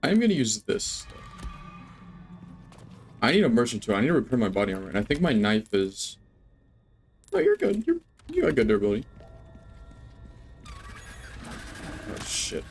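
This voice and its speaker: A man's voice: medium pitch, huge pitch swings, a little slow, long pauses, a little hiss or hum. A young adult man streaming a game, rambling, joking and swearing as he chats with viewers. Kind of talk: live gameplay commentary.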